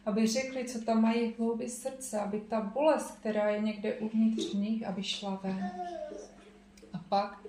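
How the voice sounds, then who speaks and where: Woman preacher, soft reflective sermon, echoey room. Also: a little high, hardly any pauses.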